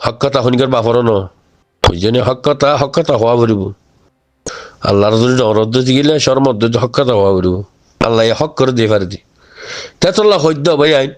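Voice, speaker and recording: A man's voice: medium pitch, lively intonation, fairly quick, long pauses. A man with a Rohingya accent close to Chittagonian speaks informally to his community, exhorting them and often checking with rhetorical questions that they follow. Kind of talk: informal spoken address.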